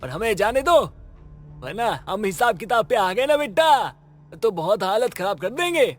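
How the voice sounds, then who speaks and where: An actor playing a bumbling middle-aged thug who blusters with threats and then whines and pleads. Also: male voice, sits high, very animated, moderate pace, faint music behind. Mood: menacing. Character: bumbling middle-aged male thug, bullying but cowardly. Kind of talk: cartoon voice acting.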